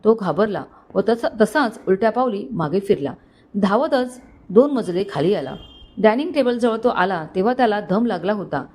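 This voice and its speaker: A woman narrating a romantic family story in a steady, measured way. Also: mid-range voice.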